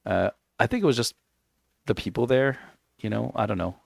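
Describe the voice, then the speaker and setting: The man has a mid-range voice with vocal fry and keeps a moderate pace, captured in a clean studio recording with no room sound. Originally an Italian speaker from Canada, he chats casually while gaming on stream, rambling and often self-correcting as he tells stories.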